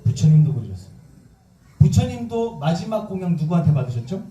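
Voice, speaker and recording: Lively monk preaching in an echoey hall. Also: male voice, fairly high pitch, a little fast, recorded from a distance, highs cut off. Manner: lively, acts out quoted voices and jokes. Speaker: Buddhist monk giving a dharma talk. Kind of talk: sermon with questions to the audience. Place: temple hall.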